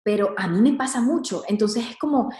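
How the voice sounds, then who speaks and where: A woman's voice: medium pitch, brisk, a little mellow, roomy sound. A woman speaking earnestly and reflectively about motherhood in casual conversation, dropping in English words now and then.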